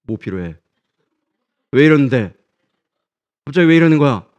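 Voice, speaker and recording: A man voicing a suspicious grown son who impatiently demands to know what his parent is after, his voice jumping high and loud. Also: expressive, normal speed, highs cut off, lightly acted. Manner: shouting, impatient and wary.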